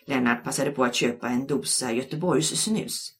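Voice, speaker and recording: A woman reading a children's novel aloud with expressive storytelling. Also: extremely low pitch. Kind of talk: audiobook narration.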